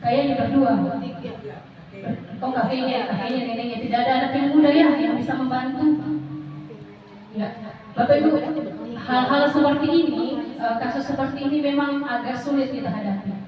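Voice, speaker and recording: A woman leads a workshop for teachers and speaks in an encouraging, praising way. Her voice is high. She sounds distant and dull in a very echoey room, with faint noise behind her. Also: fairly even intonation, normal speed, pauses often. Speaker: workshop facilitator. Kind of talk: addressing a group of teachers.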